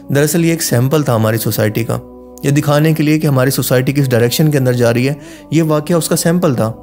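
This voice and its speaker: A man's voice: medium pitch, a little mellow. A man with a Pakistani Urdu accent giving impassioned religious and social commentary, pressing his points through indignant rhetorical questions.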